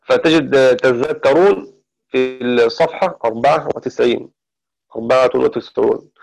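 A man teaching the variant readings of the Quran in a methodical classroom lecture, pausing now and then to correct himself. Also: mid-range voice, gravelly, low-quality recording. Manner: steady, explanatory, pauses to correct himself.

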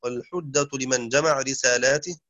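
A man teaching a lesson in a measured, explanatory way, now and then chanting short recited passages. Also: medium pitch, steady tone, bright, forceful tone, dry recording. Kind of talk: lecture. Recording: dull, dry lo-fi sound.

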